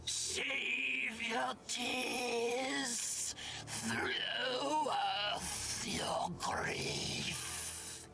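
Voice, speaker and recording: An actress playing an eerie old grave hag monster in a video game, singing a ghastly lament in an unearthly, creaky voice. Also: female voice, on the high side, very animated, extremely slow, heavily acted. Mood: eerie, mournful. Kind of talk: video game character acting. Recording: loud music under the voice.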